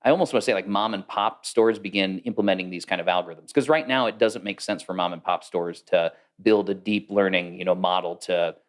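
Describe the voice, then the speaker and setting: A man's voice: deep voice, fairly quick, hardly any pauses. A man speaking as a podcast guest, explaining ideas in a thoughtful, casual way with fillers. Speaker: guest, AI consultant. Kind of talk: casual interview talk.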